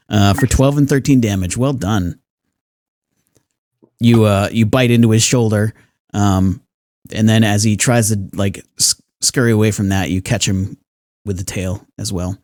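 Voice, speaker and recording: A man's voice: on the low side, a little mellow, no room sound. A man narrating a tabletop game as game master, casual and laughing often between descriptions.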